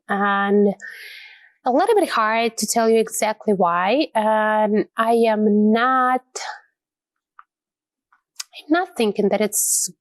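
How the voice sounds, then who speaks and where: A trading channel host, hoarse from illness and sounding lower than her usual voice, gives casual commentary on trades over a screen recording. She's chatty and rambling with light laughs, and the recording has no echo.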